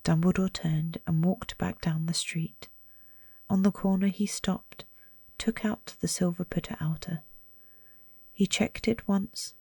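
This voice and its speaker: A woman reading a storybook aloud in a slow, hushed ASMR whisper. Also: lowish voice, fairly even intonation, husky, no echo. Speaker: storybook reader.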